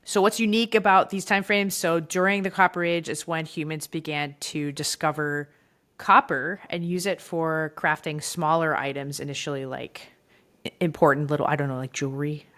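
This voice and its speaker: A chatty woman co-hosting a history podcast, her voice sitting a little low. She explains the past in a loose, easygoing way, full of fillers and quick laughs, talking into a headset mic. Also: fairly even intonation, fairly bright tone. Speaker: podcast co-host. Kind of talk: casual history podcast chat. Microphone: headphones and remote recording setup.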